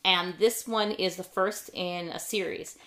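A woman in her thirties co-hosting a casual podcast chat about books, enthusiastic and chatty with quick asides. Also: fairly low pitch, steady tone, a bit bright, slight background noise. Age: 30s. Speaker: podcast co-host.

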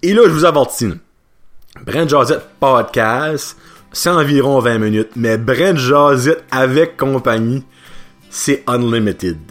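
A man's voice: medium pitch, slow, soft background music. A young man with a Québécois French accent hosting a solo podcast, ranting about spelling with exasperated, casual swearing. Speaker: podcast host.

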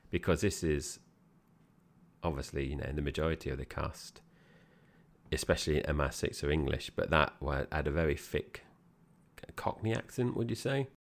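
A man co-hosting a podcast, chatting casually about a film and addressing his co-host directly. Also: rumbling low. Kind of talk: casual film review chat.

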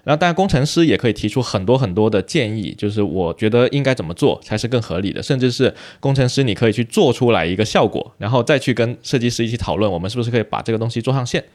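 A man's voice: mid-range voice, animated, fast talker, few pauses, darkish tone. A man co-hosting a casual podcast conversation, explaining his view with examples and checking for agreement. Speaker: podcast co-host. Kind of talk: casual chat.

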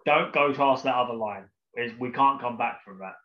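A blunt man trades crude, mocking jokes on a casual podcast, voice at a middling pitch. The recording is dull and muffled. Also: normal speed. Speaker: podcast co-host.

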